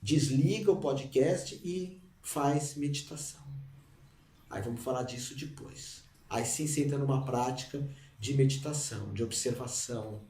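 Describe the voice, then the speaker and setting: A man's voice: mid-range voice, normal speed, mellow. Man teaching meditation, roomy sound. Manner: conversational, breaks into chanted syllables. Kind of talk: informal spoken teaching. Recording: roomy, mic at a distance.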